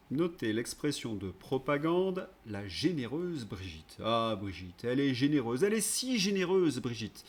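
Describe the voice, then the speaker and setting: A man's voice: mid-range voice, breathy edge. A man hosting his own political commentary channel, delivering an indignant, sarcastic monologue.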